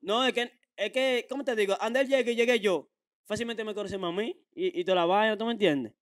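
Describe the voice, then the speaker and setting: A man's voice: high-pitched, a little fast. A young man with a Dominican Spanish accent, giving a brash, slangy interview and repeating phrases for emphasis. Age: young adult. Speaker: interview guest. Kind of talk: casual street-slang interview. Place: small furnished room indoors. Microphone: handheld microphone held out by interviewer.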